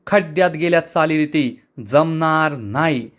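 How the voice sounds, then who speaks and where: A haughty young wife who snaps and sneers at the whole household, as a man reads her lines. Her words come quick and scornful, in a fairly high voice. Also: steady tone, dull audio, natural voice. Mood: angry. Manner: snapping and scornful. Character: arrogant young woman, elder daughter-in-law.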